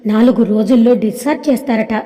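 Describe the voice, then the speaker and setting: A woman playing an anxious, caring older sister in an audio storybook. The voice is high and mellow, with a long hall reverb. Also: fast, soft background music, lightly acted. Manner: worried, gentle.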